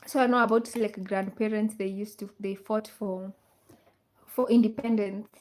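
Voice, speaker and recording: A woman's voice: mid-range voice, fairly even intonation, moderate pace, darkish tone, a little hiss or hum. A woman from Kenya hosting a casual livestream, reading out viewer comments and repeating her questions to the audience. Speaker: livestream host. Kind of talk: casual live chat with viewers.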